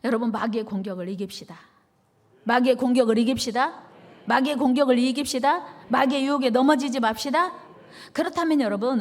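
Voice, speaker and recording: Lady pastor preaching, emphatic repeats, swoopy high voice. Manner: animated, call-and-response with congregation; emphatic repetition. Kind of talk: sermon.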